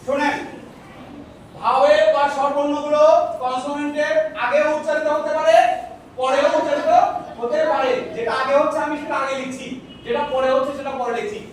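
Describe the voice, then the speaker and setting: A man's voice: very high-pitched, steady tone, fairly quick. A man teaching a class, asking questions and having the students repeat answers back. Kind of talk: classroom teaching, call and response. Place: large echoey classroom. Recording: echoey room, distant mic, noisy.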